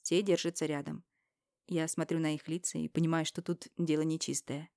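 A woman narrating a first-person audiobook, dramatic and emotional, rising to shouts in dialogue. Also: low-pitched, little pitch movement, a little fast, dry recording, studio quality.

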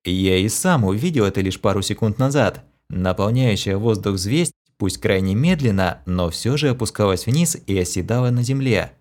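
A man reading a first-person novel aloud as an expressive audiobook narrator. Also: lowish voice, moderate pace, hardly any pauses. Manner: expressive storytelling.

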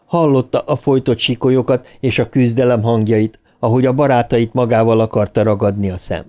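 A man reading a horror novel aloud as an audiobook narrator, with dramatic lifts of pitch at tense moments. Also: fairly even intonation, darkish tone.

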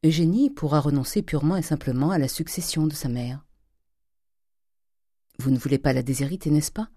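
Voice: mid-range voice, a little fast, mellow, no room sound, studio quality, natural voice. A reader voicing a shrewd, persuasive old village notary who speaks in a confiding way. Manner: reasoning, confiding. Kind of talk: audiobook character voice.

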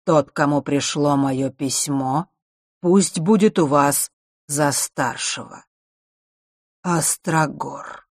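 A woman's voice: low voice, takes it slowly, no echo, studio quality, full character voice. Woman reading a mysterious cold letter-writer. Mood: ominous.

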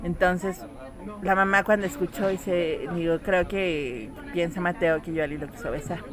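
A woman's voice: fairly low pitch, fairly even intonation, measured pace, a crowd in the background. A woman telling a family story in casual chat, acting out the voices of her child and others.

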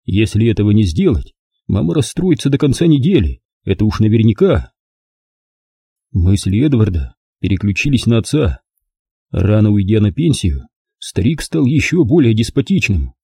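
Male audiobook narrator, dark husky voice, lively intonation, dry close sound. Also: lowish voice, normal speed, no echo. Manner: expressive storytelling. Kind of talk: scripted narration.

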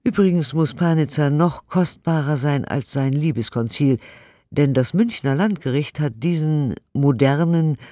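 A man with a warm voice on the high side declaims old letters and reviews for a radio play, formal and articulate. It's a studio radio production with music and no room sound.

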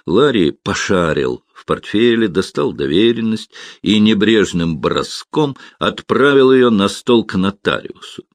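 A man narrating an audiobook with an expressive, engaged reading. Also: fairly low pitch, a little slow, no room sound, studio quality. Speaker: audiobook reader.

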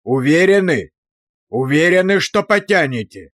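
A man's voice: a little high, very animated, no room sound, studio quality. A man voicing an abusive drill sergeant. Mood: bellowing. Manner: barking insults, slow hammering emphasis.

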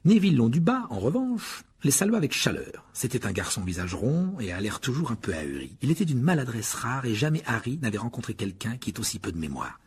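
A man's voice: mid-range voice, very animated, fairly quick, hardly any pauses, slightly rough. A man reading a children's novel aloud as an audiobook narrator, telling the story expressively. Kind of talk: scripted narration.

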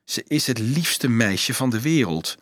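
A calm, self-assured young student in a read-aloud storybook, measured and unhurried, as a male narrator puts him on. His voice keeps a lively melody, and the sound is dry and close. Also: mid-range voice, no echo, lightly acted.

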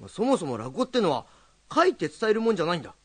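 A blunt, hot-headed young rakugo teller who speaks. His voice sits high and swings widely as he scolds. The sound is close and dry. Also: sing-song, no echo. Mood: gruff. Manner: gruff, rough-tongued and quick to scold. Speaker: rakugo storyteller teaching students. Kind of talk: film drama acting.

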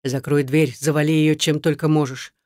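Woman putting on a steady commanding man's voice, firm orders, lower and dry, storybook reading. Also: normal speed, no room sound, natural voice. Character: calm, firm middle-aged male rescuer on the phone.

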